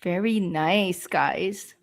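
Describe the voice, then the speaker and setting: A Canadian English teacher leads a live-stream speaking lesson, explaining things slowly and patiently with frequent ums and uhs. Her voice is fairly low and creaky.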